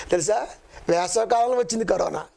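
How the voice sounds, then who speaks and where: A man preaching a sermon, firing rhetorical questions at his listeners and reading scripture slowly, his voice leaping between high and low. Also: gravelly, mellow. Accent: Telugu. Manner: sudden jumps between high and low pitch; slow measured scripture reading. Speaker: preacher, Bible college director. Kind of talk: Telugu sermon.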